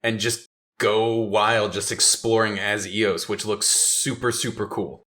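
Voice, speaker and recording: A man's voice: on the low side, level tone, unhurried, pushed and bright. Teasing male podcast co-host. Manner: joking, teasing, laughs easily. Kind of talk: casual gaming chat.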